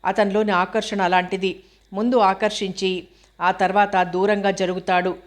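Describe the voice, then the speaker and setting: A woman reading an audio novel aloud, voicing a knowing young woman who warns and teases her hostel mate in a flat, even tone. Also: medium pitch, normal speed, natural voice. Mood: teasing warning.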